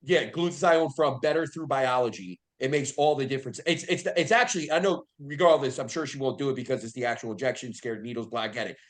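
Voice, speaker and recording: A man's voice: medium pitch, fast talker, few pauses. A man hosting a casual podcast as a coach, talking frankly with easy laughter and casual swearing.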